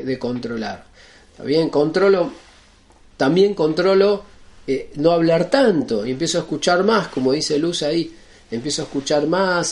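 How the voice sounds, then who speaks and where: A man's voice: a little high, a little mellow. A man giving an earnest spiritual lesson, listing points one by one and often checking in with his listeners. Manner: earnest and repetitive, listing points, often asks ¿está bien?. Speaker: spiritual teacher. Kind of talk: explanatory spiritual talk.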